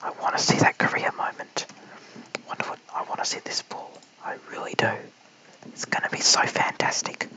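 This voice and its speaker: A man's voice: moderate pace, poor audio. A man with an Australian accent whispering eager live cricket commentary late at night at home, calling each delivery.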